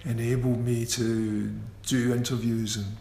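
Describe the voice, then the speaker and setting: This musician, interviewed on radio, has a warm, medium-pitched voice with little pitch movement. He stammers through repeated sounds and restarts, speaking slowly and with care, in an echoey room with faint ambient noise.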